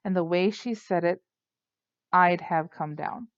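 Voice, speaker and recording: Low-voiced woman reading an audiobook. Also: unhurried, no room sound. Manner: steady, storytelling. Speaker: audiobook narrator. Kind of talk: first-person audiobook narration. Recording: dull lo-fi dry recording.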